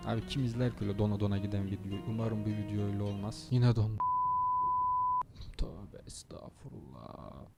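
A man's voice: on the low side, level tone, racing, few pauses, over loud music. A tired young man hosting a gaming channel, chatting casually while he plays and grumbling at the traffic, swearing under his breath. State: tired, low on energy. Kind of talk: casual gameplay commentary.

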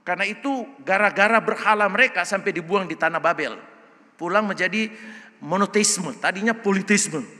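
An older male pastor preaching a sermon in a church, loud and joking, often asking the congregation questions. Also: high voice, moderate pace. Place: church sanctuary. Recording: long church hall reverb.

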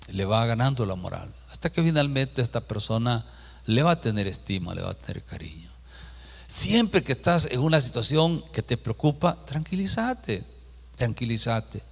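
A man preaching a sermon as pastor, folksy and lively, often asking the congregation to repeat after him. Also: medium pitch, big-room sound.

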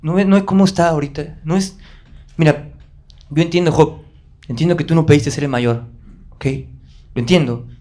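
A man voicing his weary, gentle father in a stand-up show, speaking softly and haltingly. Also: a little high, natural voice. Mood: hurt, gentle. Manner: soft, halting, pleading. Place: theater stage.

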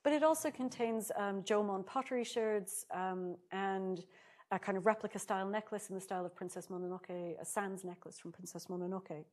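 A woman's voice: mid-range voice, fairly even intonation, fairly quick, darkish tone. Woman lecturer reading a seminar talk. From United Kingdom. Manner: reads a prepared script with small slips and apologetic asides.

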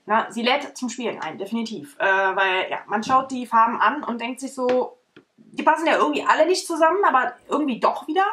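Her voice sits a little high and sounds a bit bright as this young beauty vlogger rambles casually through a makeup tutorial, filler words and all. A camera at desk distance films her indoors at home, in a bedroom or home studio.

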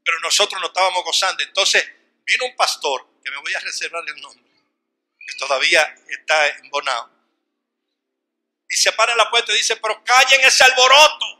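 A man preaching a sermon in a shouting, fervent style with repeated refrains. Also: a little high, expressive, moderate pace, long pauses, poor audio.

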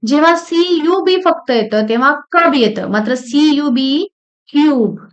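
A woman teaching English pronunciation, saying words one at a time in slow, deliberate drills with short explanations. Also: high-pitched, expressive, muffled recording. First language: Marathi. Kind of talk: pronunciation lesson reading word lists.

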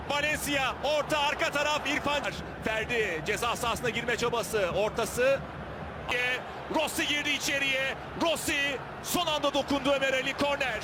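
Male football commentator, very high excited pitch, screaming delivery at chances, over loud stadium noise. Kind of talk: live football match commentary. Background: stadium ambience.

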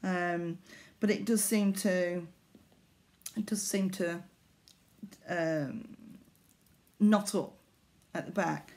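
Slow-talking middle-aged woman, hesitant. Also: fairly low pitch, fairly even intonation, a little mellow. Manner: hesitant, rambling. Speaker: needlework vlogger. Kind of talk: casual chat to camera. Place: small living room indoors.

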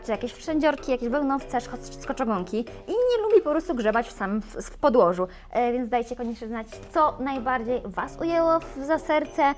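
A woman hosting a plant shop video, talking in a playful, chatty and animated way. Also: on the high side. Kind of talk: casual video presenting plants.

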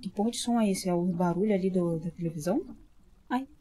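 A woman's voice: lowish voice, fast, dark tone, husky. A woman, commenting on a horror game she is playing, jumpy and swearing often with startled yelps. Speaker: gamer streamer.

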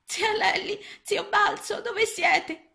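A woman voicing a small, timid young boy frog who is fussy about staying clean, in a high, childlike, plaintive voice. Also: slow, vocal fry, sharp tone, full character voice. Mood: earnest plaintive.

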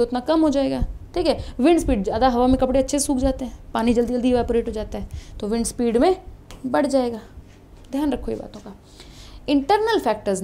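A young woman giving an animated, coaxing exam-prep biology lecture, often asking her students questions. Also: fairly high pitch. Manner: animated and coaxing, asks students questions, calls them beta. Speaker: biology teacher.

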